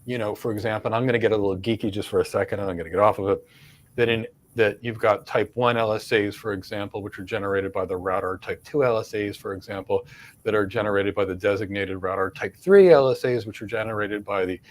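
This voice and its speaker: In a lowish, steady voice at a quick pace, this middle-aged career mentor from Philadelphia, in the United States, fields questions during a live Q&A he hosts. He repeats words to stress his points.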